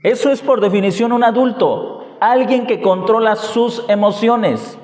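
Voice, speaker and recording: A man preaching as pastor from the front of a church, his voice a little high for a man. He keeps putting rhetorical questions to the congregation and acting out what parents say. The sound rings around a big echoing hall. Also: unhurried, a little mellow. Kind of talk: sermon.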